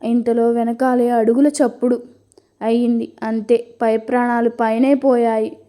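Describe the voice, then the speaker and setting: Mellow-voiced woman storyteller. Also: on the high side, measured pace. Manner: expressive, dramatic reading. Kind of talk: storybook narration.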